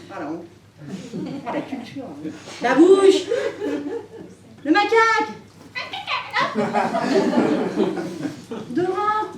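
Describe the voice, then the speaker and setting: A young woman performing stand-up on a club stage, her voice high and swooping all over the place. She coos in baby talk and slips into little character bits. The sound is roomy and a bit distant from the mic. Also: darkish tone. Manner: baby talk to an imagined child, big pitch swings. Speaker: stand-up comedian. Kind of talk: stand-up monologue playing characters. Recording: echoey room, mic heard from a distance.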